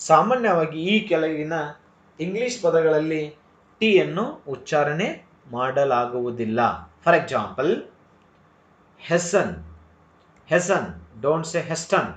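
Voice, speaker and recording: A man with a Kannada accent teaching English pronunciation, speaking slowly and repeating each word to drill it. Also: fairly high pitch. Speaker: English tutor. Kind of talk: slow spoken English lesson. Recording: echoey room, dull lo-fi sound.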